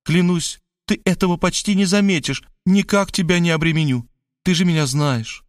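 For an audiobook character, a man uses a natural voice at normal speed to play a doting middle-aged woman given to theatrical pleading. The delivery is high-pitched, gushing and full of pathetic exclamations. The studio sound is clean, with no room sound.

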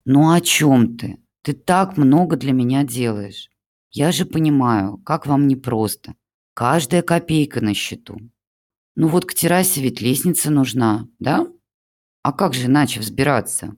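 The audiobook character is an older mother, voiced by a reader in a mid-range voice at a slightly slow pace. Melodramatic to the core, she acts the pitiful old woman and flatters her son-in-law with showy, gushing praise.

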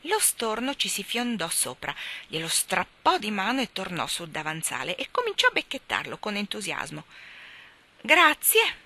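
A woman reading a children's story aloud in an expressive, melodic way. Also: mid-range voice, normal speed. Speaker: reader.

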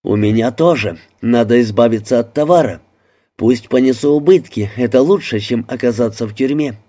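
A man's voice: medium pitch, moderate pace, warm tone, close to an everyday voice. A man voicing a dry, sardonic American man keeping his wits in a crowded toilet. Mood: wry.

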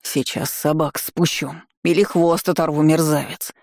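A narrator voicing a burly, angry male market trader who speaks in a gruff, scolding, threatening way. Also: mid-range voice, flat delivery, a little slow, darkish tone, dry recording, studio quality, natural voice.

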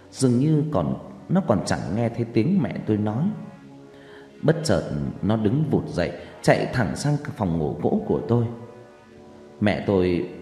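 A man narrating a horror story in a dramatic, expressive way, heard with echoey reverb and faint music. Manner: expressive, with wide pitch swings. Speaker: audiobook narrator.

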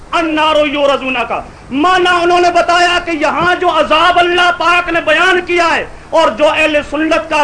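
A man giving a fervent, declaiming speech in a public religious debate, often shouting. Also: very high-pitched. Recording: noisy crowd around a speaker.

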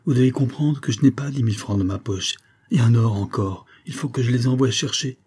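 A man's voice: medium pitch, a little fast, a little mellow, breathy edge, lightly acted. A man voicing an anxious, determined young woman who speaks urgently in an audiobook. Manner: urgent, pleading.

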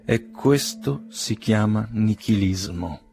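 A man's voice: medium pitch, moderate pace, close to an everyday voice. A man reading an audiobook, playing a blunt and sullen young man who answers curtly and with insolence. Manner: curt, sullen, insolent, speaks through his teeth. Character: young male nihilist, blunt and gloomy.

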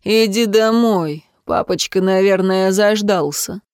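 A woman's voice: medium pitch, slow, a little mellow, smooth, no echo, studio quality, close to an everyday voice. A woman voicing a rude, curt young man who growls his short replies. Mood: gruff.

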